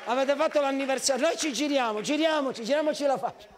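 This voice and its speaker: A man's voice: very high-pitched, quick pace, a faint crowd, a little hiss or hum. A male pastor preaching a sermon at a church service, impassioned and crying out prayers.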